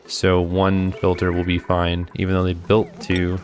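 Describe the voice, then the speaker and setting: A man giving casual commentary while he plays a video game, thinking out loud and talking to himself as he plays. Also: low-pitched, monotone, a little slow, faint music behind. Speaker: gameplay video host.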